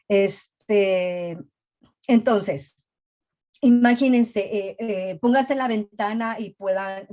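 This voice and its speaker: A woman's voice: mid-range voice, darkish tone. A woman therapist giving a reflective talk to parents, emphatic and full of "este" fillers, over a video call.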